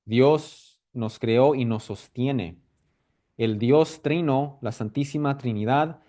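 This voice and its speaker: A man's voice: mid-range voice, darkish tone. A man teaching a casual Bible lesson, explaining step by step and checking in with his listeners often. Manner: explanatory, repeats himself with frequent "¿ok?" and "¿verdad?" checks; halting with restarts and fillers.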